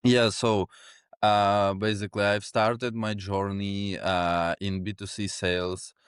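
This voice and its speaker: Low-voiced young man from Ukraine. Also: takes it slowly, clear, resonant tone, no echo, studio quality. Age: 20s. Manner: relaxed, many fillers, chuckles often. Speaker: guest, sales executive. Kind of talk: casual interview.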